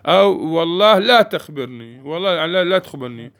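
A man's voice: a little high, lively intonation, fast talker, fairly bright tone. A man teaching a grammar lesson, explaining step by step and answering his own questions to the class.

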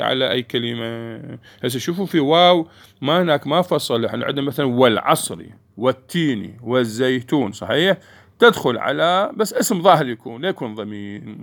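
A male teacher walks a class through grammar rules. His voice has a gravelly, creaky edge, and his pitch sits in the ordinary middle range. He keeps putting questions to the students and then answers them himself. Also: fairly bright tone. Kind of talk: Arabic grammar lesson.

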